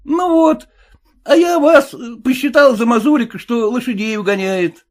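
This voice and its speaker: A man voicing a suspicious, boastful peasant cab driver with a shrill, folksy way of talking. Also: moderate pace. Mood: wary, relieved.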